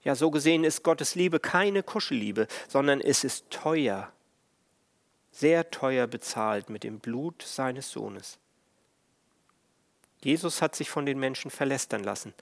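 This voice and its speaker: Slow, solemn German preacher man. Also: mid-range voice, animated, gravelly. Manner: slow, measured, solemn delivery. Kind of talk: sermon on the stations of the cross.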